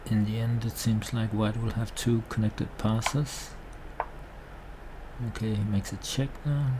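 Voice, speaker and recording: Slow-talking man commentating over noise. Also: lowish voice, fairly even intonation. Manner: halting, thinking aloud. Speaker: amateur chess commentator. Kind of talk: casual live game commentary. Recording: clearly noisy background.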